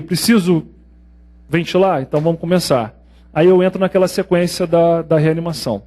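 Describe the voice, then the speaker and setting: Lively Brazilian man teaching medicine. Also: high voice. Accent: Brazilian Portuguese. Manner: lively storytelling, acts out scenes. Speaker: pediatrics lecturer. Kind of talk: exam prep medical lecture.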